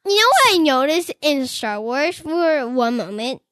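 A woman's voice: high-pitched, sing-song, a little slow, a bit bright, no echo, studio quality. A woman co-hosting a casual book podcast, playful and silly with goofy asides. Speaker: podcast co-host. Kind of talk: casual chat about a book.

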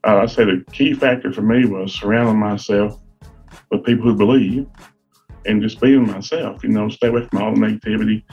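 A man's voice: fairly low pitch, fairly even intonation, a little fast, a little mellow, slightly rough, dull audio, faint music behind. A middle-aged man from Virginia, telling folksy, self-deprecating stories as a podcast co-host. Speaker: guest co-host, sales rep. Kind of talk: casual podcast chat.

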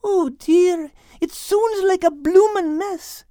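A man voicing a fretting, motherly female animal with a very high, fluttery voice. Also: slow pace, warm tone, no echo, clean studio sound. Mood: fretful.

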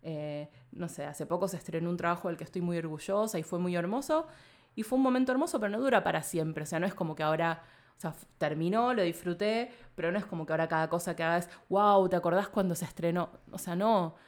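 A woman's voice: fairly low pitch, fast. A woman with an Argentine accent, a guest in an interview, talking casually and reflectively. She rambles and thinks aloud, leaning on filler phrases, and laughs now and then. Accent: Argentine Spanish.

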